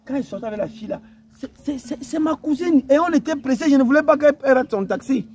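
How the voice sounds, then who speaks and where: A man's voice: extremely high pitch, expressive, fast talker, darkish tone, slight background noise. A man playing a young boyfriend accused of cheating, talking defensively and pleading, with faint music underneath.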